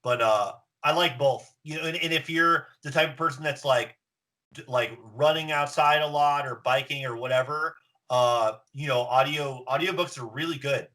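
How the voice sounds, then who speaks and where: A man's voice: mid-range voice, moderate pace, pushed and bright. A man chatting casually on a podcast in a blunt, slangy, sweary way. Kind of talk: casual chat.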